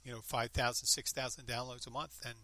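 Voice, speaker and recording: Bright-voiced rambling podcast host in his fifties. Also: mid-range voice, little pitch movement, a little fast, dry recording. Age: 50s. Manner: rambling, upbeat, self-interrupting. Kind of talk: casual chat.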